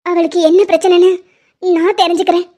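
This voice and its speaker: A very high, piping voice with a dark, mellow tone: an impulsive, loyal young heroine, as a woman dubs her in a cartoon love story. She pleads and presses with tearful urgency. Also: little pitch movement, a little fast. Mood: determined. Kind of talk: Tamil cartoon dubbing.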